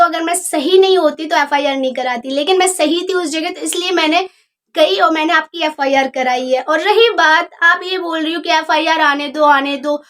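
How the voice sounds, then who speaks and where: A woman YouTuber lecturing and scolding a rival in a callout vlog, firm and sarcastic without shouting. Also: sits high. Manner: steady and firm, not shouting.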